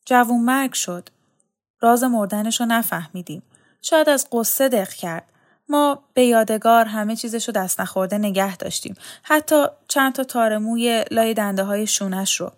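A woman's voice: fairly high pitch, lightly acted. A woman reading a grieving old mother. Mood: sorrowful. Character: grieving older mother of a dead daughter.

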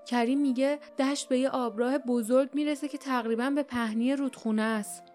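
A woman's voice: high voice, fairly even intonation, faint music behind, lightly acted. A woman doing a fierce, impatient wild girl. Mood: insistent. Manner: brisk, sharp, impatient.

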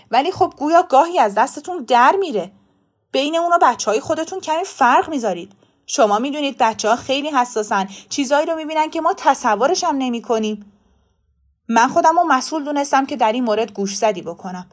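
Read by a woman, a school principal chooses his words with care, formal and apologetic. The voice is high for a man and stays close to the reader's own. It is told as a storybook reading. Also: expressive. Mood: measured. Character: polite, careful male school principal.

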